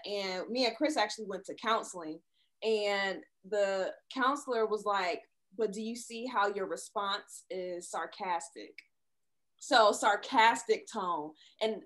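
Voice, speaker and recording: A woman's voice: medium pitch, a bit bright. A married woman in a relationship talk show, telling her story in a reflective way. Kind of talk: casual chat.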